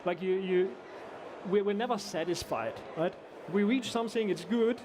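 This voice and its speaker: At a conference, a guest engineer from Austria talks informally with an interviewer, stumbling through frequent restarts, fillers and hesitations. He speaks with a high-pitched voice at a moderate pace over a noisy background.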